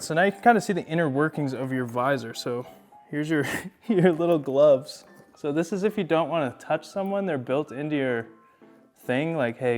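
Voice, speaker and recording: A man hosting a casual unboxing vlog, joking and rambling in an offhand way. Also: medium pitch. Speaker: host.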